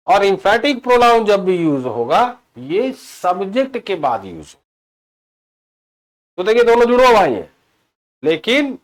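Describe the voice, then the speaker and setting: A man teaching English grammar in a classroom-style video lesson. He mixes Hindi with English terms, stresses key words and slows right down for example sentences. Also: sits high. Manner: explains in Hindi mixed with English terms, asks "ठीक है?" often.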